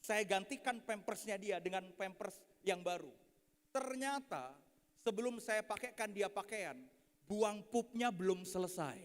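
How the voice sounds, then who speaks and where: A man in his thirties preaching a lively, joking sermon full of stories, constantly addressing the audience. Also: sits high, unhurried. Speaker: pastor. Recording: echoey hall.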